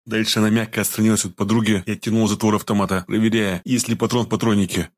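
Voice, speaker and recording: A male audiobook narrator with a fairly low voice. He reads the story in an even, scripted storytelling manner. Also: rapid-fire.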